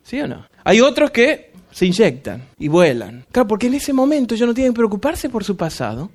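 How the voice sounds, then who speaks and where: Very high-voiced male pastor preaching. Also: brisk. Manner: animated preaching, acting out quoted voices and slipping in English phrases. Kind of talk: sermon.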